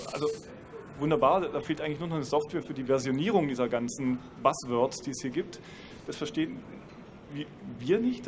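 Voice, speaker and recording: A man's voice: fairly high pitch, background noise. Man explaining on a panel stage. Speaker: university professor. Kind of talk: panel discussion. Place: stage at a trade fair hall. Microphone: handheld mic.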